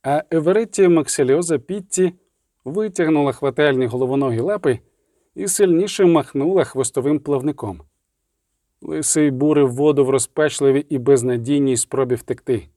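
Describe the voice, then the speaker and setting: A man narrating an audiobook with vivid, measured storytelling. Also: on the high side, dark tone, no echo, clean studio sound.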